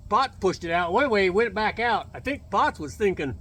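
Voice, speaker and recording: A man's voice: high-pitched, animated, moderate pace, sharp tone, slight background noise. A man telling a tale fireside style, in casual, folksy, unscripted speech with a partner. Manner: fireside storytelling, folksy and colloquial. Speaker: storyteller.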